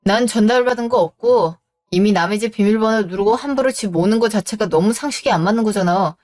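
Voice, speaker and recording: A woman's voice: mid-range voice, fast, a little mellow, natural voice. Audio drama: rude, irritable husband, blunt and scornful, read by a woman. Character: irritable rude husband, middle-aged man.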